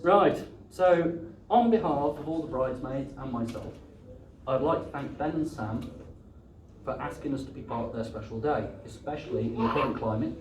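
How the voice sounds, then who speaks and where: A man's voice: mid-range voice, moderate pace. A British man giving a joking best man's speech at a wedding reception, partly reading aloud. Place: wedding reception before guests. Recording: echoey, distant, noisy event room recording.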